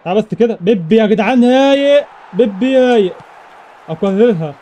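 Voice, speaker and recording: A young man with an Egyptian Arabic accent giving excited live commentary over his own football video game matches, rattling off repeated exclamations. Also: high voice, a little fast. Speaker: gaming YouTuber.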